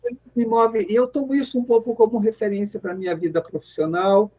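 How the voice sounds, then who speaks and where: The recording is low quality, carrying a high-pitched male voice with fairly even intonation, a brisk pace, and a dark tone. He's a Brazilian professor from the interior of São Paulo state being interviewed on radio, reflective and conversational, often groping for words and repeating phrases.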